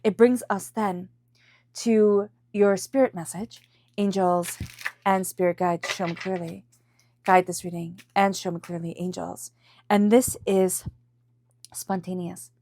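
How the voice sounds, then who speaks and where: Congested from a cold, a tarot reader offers viewers an intuitive reading and repeats phrases to stress them. Her medium-pitched voice is steady, unhurried and mellow, with slight background noise.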